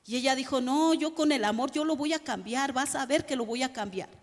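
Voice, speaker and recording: In a church hall, a woman pastor preaches to the congregation, addressing them directly and posing rhetorical questions. Her voice is high-pitched and fairly quick, and the sound carries the feel of a large room.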